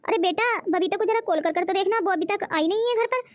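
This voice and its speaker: A woman's voice: fast talker, dry recording, lo-fi sound. A woman voicing an older, fretful widowed mother-in-law in a cartoon, scolding and fussing. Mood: worried. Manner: high-pitched, scolding and fussing. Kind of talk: cartoon voice acting.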